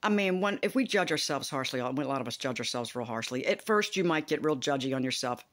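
A woman's voice: rumbling low, animated, brisk. Woman, 50s, vlogger; emphatic, profane, rambling self-help talk. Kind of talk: casual self-help monologue.

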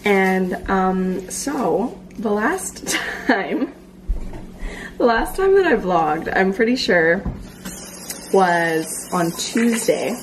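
A woman's voice: medium pitch, animated, very slow, far from the mic, slight background noise, rough recording. A woman in her twenties chatting casually into a handheld camera in her living room, with lots of "like" and "um" fillers. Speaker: fitness vlogger. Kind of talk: casual vlog chat. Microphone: handheld camera at arm's length.

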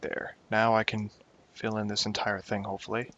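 A man's voice: lowish voice, monotone, normal speed, bright, forceful tone. A young man giving casual gameplay commentary at home, rambling and joking at himself as he plays. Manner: rambling, self-mocking, talks to himself while playing. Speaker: gaming YouTuber. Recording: dull lo-fi home recording.

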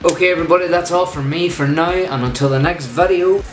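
A man's voice: fairly high pitch, fast talker. A man in his twenties talking casually to camera as a vlog host. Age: 20s. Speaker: vlogger, host. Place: bedroom, indoors. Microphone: camera in front of him. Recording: roomy bedroom sound. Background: music.

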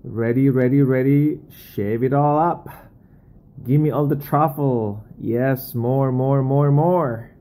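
Excited food-vlogging man, slow and mellow. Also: mid-range voice, rough recording. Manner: enthusiastic, savoring food with drawn-out exclamations. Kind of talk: casual food vlog. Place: small restaurant, indoors. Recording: restaurant noise behind.

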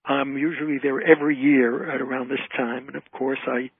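An older man, an entertainer, speaks as a guest in a conversational interview, emphatic and prone to repeating his phrases. His mid-range voice is steady and fairly quick, heard over a thin, tinny phone line.

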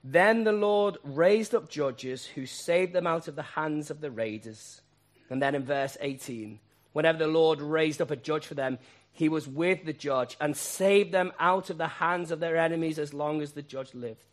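Emphatic preacher man, fairly high voice. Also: normal speed. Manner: rhetorical questions, swings between quiet asides and loud emphatic peaks; repeats key phrases as chants. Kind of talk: sermon.

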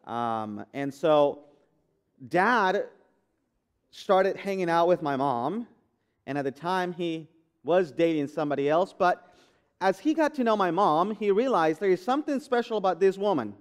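Pastor guy in his 30s, chatty sermon, lots of ums, fairly high smooth voice. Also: lively intonation, unhurried. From Guatemala. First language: Spanish. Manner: conversational, frequent fillers and restarts. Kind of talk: sermon testimony. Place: church sanctuary.

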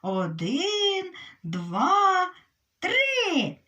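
Woman as a proud storybook hare: high, excitable, slightly distant sound. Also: takes it slowly, exaggerated voice. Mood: eager. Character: boastful male hare, fast and proud.

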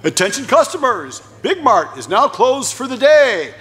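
A high, gravelly voice rings out as a store loudspeaker announcer, played by a man, with his pitch rising and falling widely through a formal, drawn-out announcement. The sound carries a long, echoey reverb, like a public-address system in a big store hall. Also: big pitch swings, full character voice.

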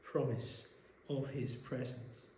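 A man preaching a sermon, explaining a Bible passage in a measured way and asking rhetorical questions, recorded in a church. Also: medium pitch, fairly even intonation, darkish tone, a little hiss or hum. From Wales. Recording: echoey church room.

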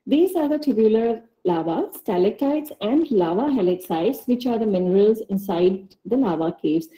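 A woman with an Indian English accent giving an online lecture, reading through slides in a measured way with the odd filler and restart, over a computer mic on a video call. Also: fairly high pitch, warm tone, rough recording.

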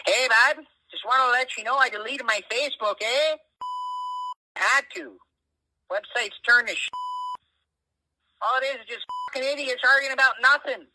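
A man's voice: very high-pitched, poor audio. A man voicing a blunt, folksy, foul-mouthed Canadian uncle leaving a comedic voicemail, heard through a phone speaker. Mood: grumbling. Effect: phone voicemail playback. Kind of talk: comedic phone message monologue.

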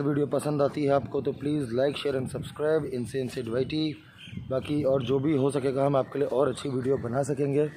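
A young man with a hoarse voice, chatting casually in a vlog while showing around the grounds of the hospital where he works. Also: mid-range voice, a little mellow, a little hiss or hum, poor audio. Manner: chatty, friendly, repeats filler words. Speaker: vlogger.

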